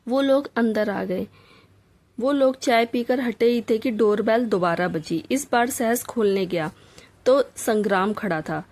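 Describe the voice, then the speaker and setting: A woman reading a heartfelt family story aloud as a storyteller, in a steady, emotional reading voice. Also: on the high side, a little slow. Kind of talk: scripted story narration.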